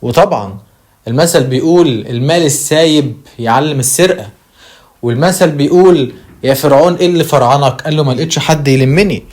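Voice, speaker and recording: A man with an Egyptian Arabic accent hosting a channel, giving emphatic commentary on news quotes and slowing down to stress key words. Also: on the high side, darkish tone. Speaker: channel host.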